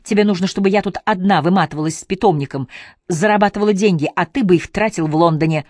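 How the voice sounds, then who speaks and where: A woman's voice: lowish voice, fast, darkish tone, no echo, studio quality, voice pushed up, close to an everyday voice. A reader voicing Ann, a tired young wife defending herself against her husband. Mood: shouting back. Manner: defensive, pleading.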